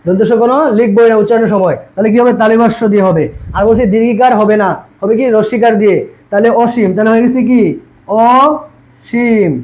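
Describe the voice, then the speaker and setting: Young guy teaching, really high voice, asks and answers his own questions, repeats words slow. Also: a little mellow, low-quality recording. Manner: explains step by step, asks questions and answers them himself; repeats words slowly to drill pronunciation. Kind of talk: exam-prep lesson.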